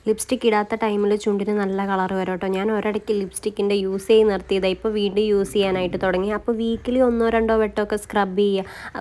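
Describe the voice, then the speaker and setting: Fast-talking chatty woman vlogger. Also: medium pitch, a little mellow. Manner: chatty, often adds friendly tag words to her sentences. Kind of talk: casual daily-life vlog narration.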